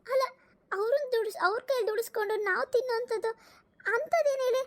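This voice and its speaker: A woman's voice: very high voice, fast talker, pitched above the performer's own voice. A woman voicing a kind mother in a cartoon who pleads to protect her children. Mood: pleading. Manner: pleading, gently reproachful.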